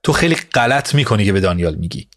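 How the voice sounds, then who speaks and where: A man's voice: fairly low pitch, no echo, studio quality, lightly acted. A man doing a furious, bitter mother. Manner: angry, accusing, cutting. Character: furious bitter middle-aged woman, wronged mother. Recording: music bed behind voice.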